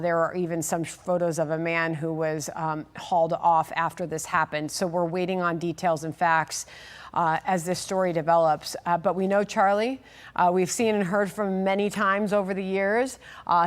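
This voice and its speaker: A woman anchoring live breaking news, hesitant while relaying details. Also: on the low side.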